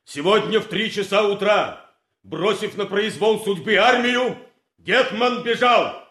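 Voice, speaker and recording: A stern colonel, high-pitched, echoing. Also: male voice, pushed and bright. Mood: bitterly sarcastic. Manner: deliberate declamatory commands with heavy pauses. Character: stern commanding army colonel, bitterly sarcastic, weary. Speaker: commanding officer. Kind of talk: theatrical period military drama. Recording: echoey hall.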